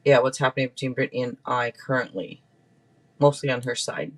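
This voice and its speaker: With a medium-pitched voice and a brisk delivery, a man reads tarot casually on a livestream. His commentary to viewers wanders and stays playful, sprinkled with plenty of asides.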